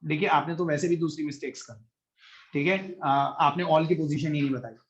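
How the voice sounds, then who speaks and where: A man's voice: fairly high pitch, fairly even intonation, brisk, dull audio. A man teaching a chemistry class online, patiently explaining and calling on students by name, mixing Hindi with English.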